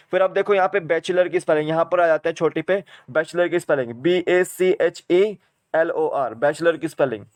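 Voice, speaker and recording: A young man with a Himachal Pradesh Indian accent teaches an exam prep lesson. He spells each word out letter by letter, at a slow and careful pace. His voice sits a little high for a man. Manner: spells words out letter by letter, then repeats them.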